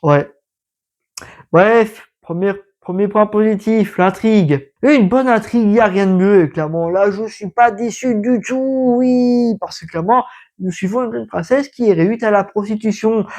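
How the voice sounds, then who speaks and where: A man's voice: high voice, a little mellow. Chatty French man reviewing manga. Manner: chatty and emphatic, talks straight to the viewer. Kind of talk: casual book review for social video.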